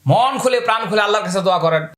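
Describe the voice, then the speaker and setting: High-voiced man teaching Quran reading slowly. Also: a bit bright, reverberant. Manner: slow drawn-out chanting of Arabic words, quick plain explanations between. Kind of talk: spelling out Arabic letter by letter for learners.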